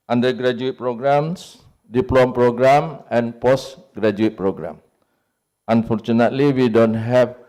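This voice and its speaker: A man with an Indonesian accent speaks unscripted English, his second language, on a panel, with a warm, relaxed, medium-pitched voice. He halts often to search for words, filling gaps with "uh" and other fillers. He lays out his points one at a time, emphasizing each.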